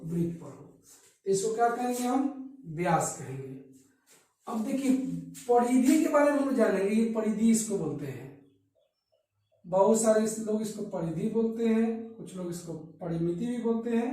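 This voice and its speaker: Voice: medium pitch, warm tone. A teacher giving a blackboard maths lesson who keeps asking questions and answering them, repeating the key terms. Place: study centre classroom. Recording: echoey room, distant from mic.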